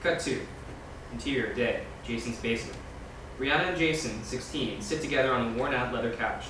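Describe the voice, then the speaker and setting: A man with a mid-range voice reads screenplay scene descriptions quickly, delivering scripted narration as stage directions. He's far from the mic in a very echoey, noisy room.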